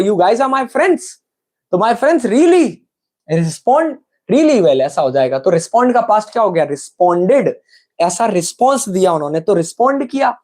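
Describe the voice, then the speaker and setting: A man with an Indian accent teaching English in a live online lesson, explaining in Hindi and reading English lines slowly and carefully while checking that viewers follow. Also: high voice, a little mellow. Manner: addresses viewers as friends, asks if they understood.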